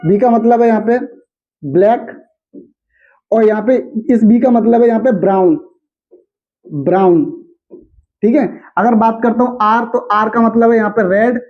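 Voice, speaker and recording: A young adult male teacher gives a classroom lecture in a high voice. He asks each point back to the students as a question and chants the memory aids slowly. The recording sounds dull and lo-fi. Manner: slow sing-song chanting of mnemonics.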